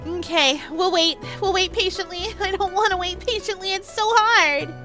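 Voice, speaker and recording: A woman chats playfully on a livestream in a very high, bright voice. She is excitable and bouncy, repeating words for emphasis, with faint music behind her. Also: normal speed.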